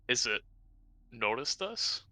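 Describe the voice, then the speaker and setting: Bright-toned young man playing. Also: mid-range voice, sing-song, takes it slowly. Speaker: player. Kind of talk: casual tabletop play.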